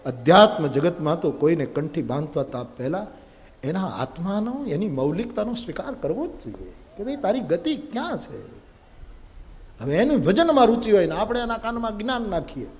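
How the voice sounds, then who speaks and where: A man's voice: high-pitched, a little fast. A man with a Gujarati accent telling a humorous religious story in a sermon, acting out the characters' lines. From India. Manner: animated, acts out characters, audience laughter. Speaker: spiritual storyteller. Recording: long-reverb hall, live event.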